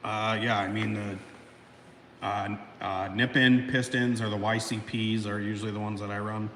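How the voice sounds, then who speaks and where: Broadcasting from his home garage, this thirties-aged host sits alone by a car lift, reading chat, rambling, cursing freely and chuckling between lines. His voice is lowish and fairly bright, with a level tone at a moderate pace. Faint noise hangs in the echoey room.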